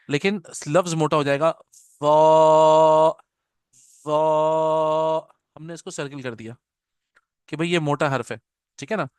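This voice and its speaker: Patient male Quran teacher, crisp voice. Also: on the high side, dry recording, clean studio sound. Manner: patient, repeats "theek hai na" often; mixes English phrases into Hindi-Urdu. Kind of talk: online class explanation.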